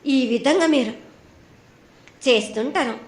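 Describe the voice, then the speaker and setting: A woman with a Telangana accent acts as an oracle giving the annual festival prophecy, using a high, unhurried trance voice in a reverberant space. She sternly admonishes listeners in short, repeated phrases.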